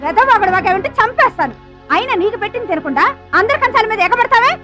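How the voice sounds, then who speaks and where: A woman's voice: extremely high pitch, expressive, fast talker, loud music behind the voice. A woman in a film, a sarcastic, scolding sister-in-law. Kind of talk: film dialogue. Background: film score.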